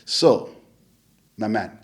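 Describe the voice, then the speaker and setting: A man hosting a radio interview, chatty and eager, often cutting in to agree. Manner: friendly, eager, quick to affirm with "yeah". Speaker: radio show host. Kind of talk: conversational interview.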